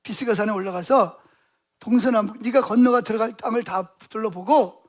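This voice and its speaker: A man voicing God in a sermon retelling, giving Moses grave, measured commands. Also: sits high, pitched below the performer's own voice, natural voice. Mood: commanding.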